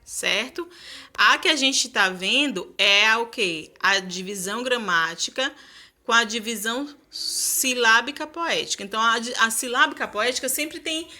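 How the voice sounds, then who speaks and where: A woman's voice: fairly high pitch, unhurried, pushed and bright. A woman teacher explaining a lesson to her students, asking them rhetorical questions as she goes.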